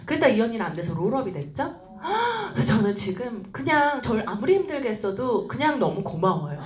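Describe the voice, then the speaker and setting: Woman lecturing like she's on stage, acts out every voice, laughs a lot, highish lively voice, roomy echo. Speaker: speaker at a business seminar. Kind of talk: animated storytelling lecture. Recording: roomy echoey hall.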